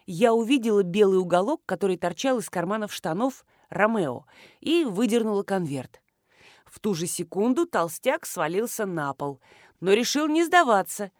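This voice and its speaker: A woman's voice: mid-range voice, animated, normal speed, no room sound, clean studio sound. A woman narrating a first-person audiobook with wry, ironic storytelling.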